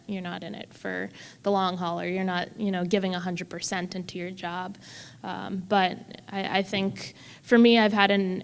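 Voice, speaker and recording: A woman panelist speaking in a measured, thoughtful way. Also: fairly low pitch, smooth. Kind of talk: panel discussion. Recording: long hall reverb.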